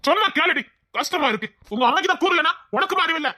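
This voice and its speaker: A woman's voice: medium pitch, lively intonation. Woman playing a bossy scolding elder. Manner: sharp, scolding and rapid. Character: bossy protective elder relative, quick to scold. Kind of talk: home-made family drama acting.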